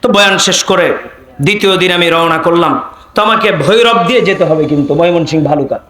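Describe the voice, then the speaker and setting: Preacher telling a story. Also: male voice, on the high side, brisk. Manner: calm, conversational narration to a crowd. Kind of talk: sermon storytelling. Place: open-air religious gathering. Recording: echoey public-address sound.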